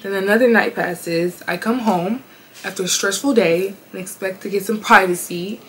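A woman host reading online confessions aloud from her bed, casual and slangy, reacting out loud as she reads. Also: medium pitch, moderate pace, a little hiss or hum, rough recording. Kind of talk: casual chatty commentary.

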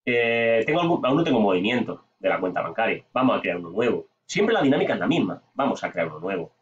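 A man teaching accounting software, talking himself through each step by asking and answering his own questions. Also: lowish voice, big pitch swings, fast talker, distant mic, muffled recording. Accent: Spanish. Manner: talks to himself while clicking, asks and answers aloud. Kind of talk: screen-recorded software tutorial.

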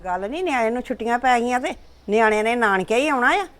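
A middle-aged woman plays a mother who gently advises her daughter. Her voice sits a little high and stays soothing. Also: animated, fast talker. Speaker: mother character. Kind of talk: short film acting.

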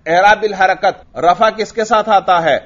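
A man's voice: high voice, a bit bright. Lecturing man with Pakistani Urdu accent. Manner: drills students with questions and answers; recites Arabic examples slowly. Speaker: Arabic grammar teacher. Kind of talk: classroom lecture. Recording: dull lo-fi recording.

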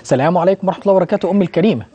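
A man's voice: high voice, racing, mellow, slightly rough, muffled recording. A man with an Egyptian accent hosting a religious TV show, addressing viewers courteously and taking calls. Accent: Egyptian Arabic. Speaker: TV show host. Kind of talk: formal broadcast presenting.

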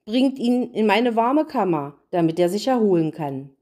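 A woman voicing a fussy fairy-tale queen in a storybook reading, brisk and commanding. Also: medium pitch, sing-song, warm tone. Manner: brisk and imperious.

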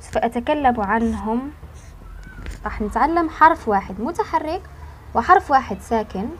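A woman teaching an online language lesson, explaining slowly and patiently, stretching key words and pausing to think. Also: a little high, lively intonation, a bit bright, a little hiss or hum.

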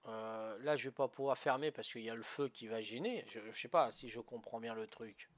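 Speaking fairly quickly in a mid-range voice, an older man from Corsica streams casual gameplay chat. He's cheerful, says "hein" and "voilà" often, and keeps asking for guidance on whether he's playing correctly.

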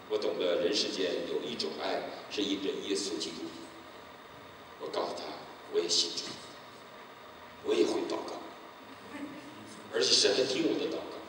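Animated male pastor in an echoey church. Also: medium pitch. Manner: animated storytelling, acting out quoted people. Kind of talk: evangelistic sermon testimony. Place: church sanctuary. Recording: echoey hall, distant mic, noisy.

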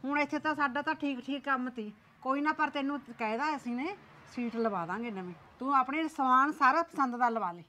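A woman playing a patient, worried village mother-in-law in a Punjabi short film. She soothes and pleads in a slightly high voice. Faint noise sits behind her. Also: brisk, hardly any pauses, pushed and bright. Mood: soothing.

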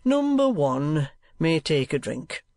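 A greedy, sanctimonious storybook schoolmaster, put on by a man reading aloud, who stretches his words in a slow, oily, moralizing way. The voice sits raised above the reader's own, and the recording is close and dry. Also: a little high, big pitch swings, a little mellow, no room sound, exaggerated voice. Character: greedy, sanctimonious male schoolmaster, middle-aged.

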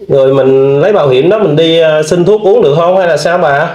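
Man asking gentle questions, echoey. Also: on the high side, brisk, highs cut off. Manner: gentle questioning with many fillers. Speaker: vlog host interviewing. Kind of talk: casual interview.

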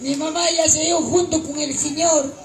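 A man playing a weepy highland peasant with a Peruvian Andean accent, whining and sobbing on a comedy stage, slipping into Quechua. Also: steady tone, moderate pace. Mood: mournful. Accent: Peruvian Andean Spanish. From Peru. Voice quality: whiny, sobbing, mixes in Quechua. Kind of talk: live stage comedy sketch. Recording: echoey live stage with loud crowd.

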